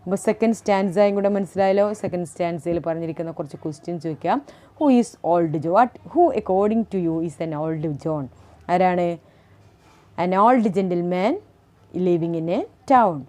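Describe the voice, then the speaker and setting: A woman teacher with a Malayali accent explains a poem in a class lesson, reading lines aloud and posing questions she answers herself. Her voice is fairly low, warm, and measured in pace.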